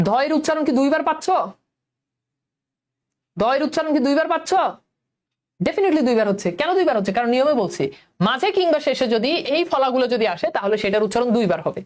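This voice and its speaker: A coaxing Bangladeshi woman teacher. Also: high-pitched. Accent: Bangladeshi Bengali, colloquial. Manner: coaxing, quizzes students, repeats words slowly. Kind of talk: online class lesson.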